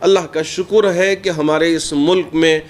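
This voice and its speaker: This Indian man delivers a cleric's statement to what sounds like the news media, his speech formal, earnest, and laced with Urdu. His voice is a little high, with fairly even intonation and a moderate pace.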